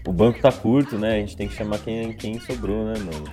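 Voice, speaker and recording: A man's voice: lowish voice, a little fast, over music. A Brazilian man co-hosting a podcast with casual banter and informal street slang. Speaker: podcast co-host.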